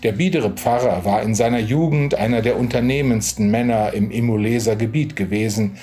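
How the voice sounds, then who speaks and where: A man calmly reading a folk tale aloud as narrator. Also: on the low side, fairly quick, faint music behind. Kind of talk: storybook reading.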